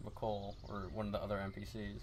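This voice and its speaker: A man's voice: lowish voice, completely flat delivery, a little fast, darkish tone, a little hiss or hum. A man working as game master, narrating a tabletop game in a casual, informal, sweary way.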